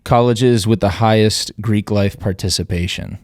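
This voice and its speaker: A man's voice: fairly low pitch, fairly even intonation, moderate pace, darkish tone. A man co-hosting a podcast, asking curious questions in casual chat.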